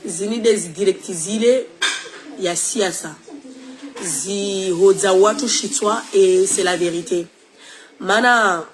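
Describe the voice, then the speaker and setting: A social media creator recovering from flu talks casually and opinionatedly to her followers, sounding tired and mixing in Shimaore as she switches languages. Her voice is mid-range, and the audio quality is poor.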